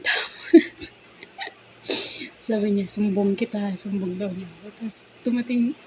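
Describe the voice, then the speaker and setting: A woman's voice: mid-range voice, background noise. Woman from the Philippines, live-in house helper, casual storytelling at home, chatty, laughs a lot, mimics others. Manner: chatty, laughs often, acts out quoted voices. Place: employer's house, indoors.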